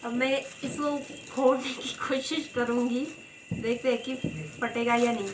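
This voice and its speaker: Woman vlogger, hoarse, fairly high voice, chatty with viewers, phone mic, noisy with crickets behind. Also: fairly even intonation, a little slow. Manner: chatty, talks straight to viewers. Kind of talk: casual festival vlog narration. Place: home at night, indoors and outside. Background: crickets and insects chirping.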